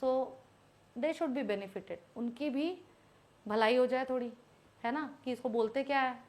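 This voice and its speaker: Her voice is high-pitched yet a little mellow. She's teaching English grammar in a live online class, mixing English into her Hindi, and patiently repeats words slowly so they stay with the learners.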